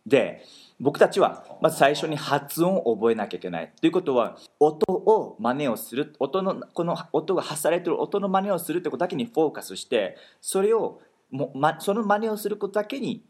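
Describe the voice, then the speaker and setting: A man hosting a talk, explaining pronunciation in an animated way and slowing down on key words for emphasis. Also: a little high, slightly rough. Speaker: host teaching pronunciation. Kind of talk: explanatory chat.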